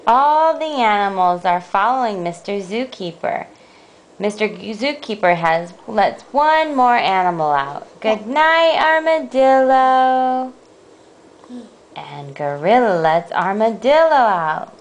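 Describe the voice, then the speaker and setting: A woman reading a picture book aloud to a child at bedtime at home, slow, gentle and playful. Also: medium pitch, animated. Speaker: parent reading a bedtime story.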